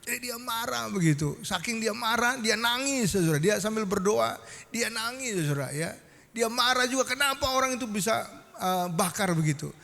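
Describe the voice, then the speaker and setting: A man with a high, bright-edged voice preaches a storytelling sermon from the pulpit, turning again and again to the congregation to draw a response. His voice rings through a church hall with a long, trailing reverb. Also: expressive, moderate pace, gravelly. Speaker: pastor. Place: church sanctuary.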